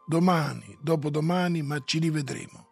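A man voicing Stolz, an earnest man pleading insistently with his old friend, in a gravelly, husky voice. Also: fairly high pitch, moderate pace, a little mellow, faint music behind. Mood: urging.

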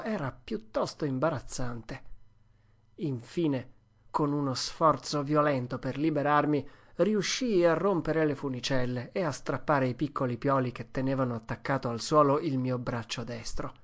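A classic adventure story is read as an audiobook by a narrator with a mid-range voice. The first-person telling stays steady while remaining expressive.

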